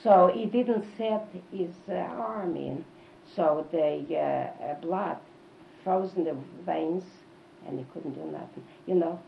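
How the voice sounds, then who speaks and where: An elderly woman reminisces in an interview, halting and repeating phrases for emphasis. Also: fairly low pitch, vocal fry. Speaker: oral history interviewee. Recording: dull, lo-fi tape with faint noise.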